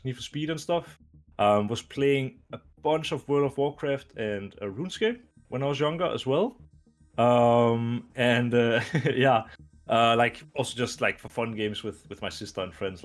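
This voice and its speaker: A man in his twenties from Denmark, a retired esports player answering interview questions in a relaxed, rambling way with many fillers. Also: medium pitch, a little slow, soft background music. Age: 20s. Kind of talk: casual video interview.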